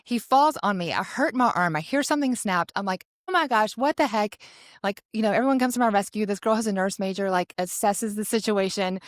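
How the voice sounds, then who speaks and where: A woman's voice: mid-range voice, fast talker, hardly any pauses, dry recording, clean studio sound. A young adult woman co-hosting a podcast, telling a personal story in a chatty, casual way full of "like" and restarts. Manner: chatty, frequent "like" and self-corrections; animated when quoting herself. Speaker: podcast co-host.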